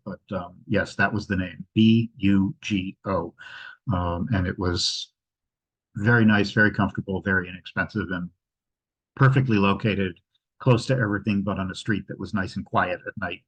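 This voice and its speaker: A man with a low, husky voice speaks indoors at home through a video call microphone that cuts off the highs. He's a travel presenter fielding an informal Q&A after his travel slideshow, hesitant and thinking aloud as he goes.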